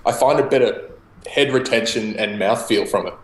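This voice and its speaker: A young Australian man chatting casually over a video call, laid-back and quick to laugh, swearing now and then. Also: lowish voice, roomy sound, a crowd in the background, low-quality recording. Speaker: guest homebrewer.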